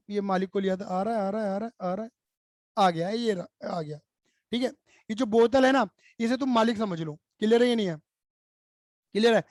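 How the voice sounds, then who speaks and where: A man's voice: very high-pitched, no echo. A man teaching accountancy in Hindi-accented speech, explaining playfully and acting out little skits and chants for students. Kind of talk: energetic classroom explanation.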